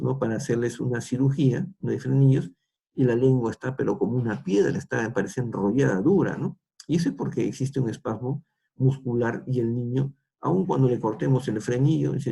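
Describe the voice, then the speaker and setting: Lecturing his students, this middle-aged Peruvian speaks with a Peruvian Spanish accent in a creaky, slightly rough voice of medium pitch and dark tone. Nearly every phrase ends with a tag question, and he frequently starts over.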